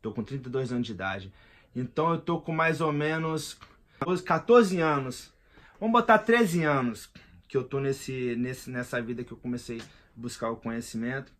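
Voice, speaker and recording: A thirties-aged man with a Brazilian Portuguese accent talks through a casual, rambling vlog, slangy and emphatic throughout. He has a mid-range, slightly bright voice at a moderate pace.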